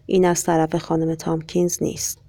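Troubled man on a train, muttering to himself, gravelly and flat, read by the story's narrator. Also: mid-range voice, no room sound, natural voice. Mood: uneasy. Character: anxious man traveling home by train. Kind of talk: audiobook reading.

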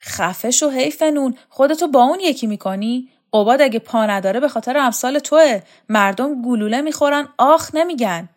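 A woman putting on a bossy shrew, high shrill voice, loud, insulting, storybook reading. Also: few pauses, natural voice. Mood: scolding. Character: harsh bossy woman, scolding and contemptuous.

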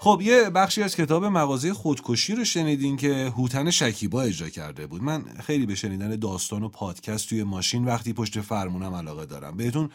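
A man's voice: medium pitch, expressive, hardly any pauses, soft background music. A man hosting a radio show, talking in a chatty, slangy, casual way.

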